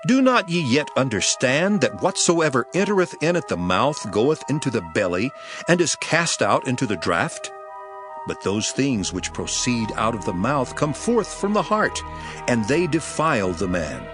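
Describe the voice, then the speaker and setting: An actor playing Jesus as a grave, authoritative teacher, speaking solemnly and emphatically in a scripture dramatization. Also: male voice, mid-range voice, sing-song, normal speed, close to an everyday voice. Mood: solemn teaching. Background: music.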